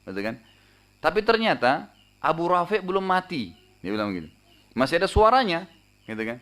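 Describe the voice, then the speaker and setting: A male Islamic preacher retelling a story in a sermon, in a lively way, often tagging his lines with a casual filler and raising his voice for the story's shouts. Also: a little high, brisk.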